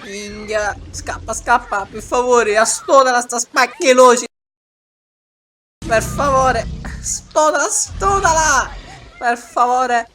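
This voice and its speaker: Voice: medium pitch, takes it slowly, pushed and bright. An actor voicing a frantic, foul-mouthed Sicilian in a comic parody dub of a dinosaur film, with a Sicilian accent and an exclamatory, colloquial manner. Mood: panicked. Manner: exclamatory, colloquial, full of wails and swearing. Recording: music running under the voice.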